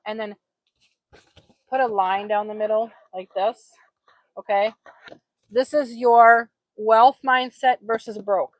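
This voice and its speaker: A woman's voice: on the high side, no room sound. A woman in her forties from Poland, hosting a livestream and talking earnestly and casually straight to her viewers. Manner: chatty, earnest, addresses viewers directly. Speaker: livestream host. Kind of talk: casual motivational livestream talk. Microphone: own microphone.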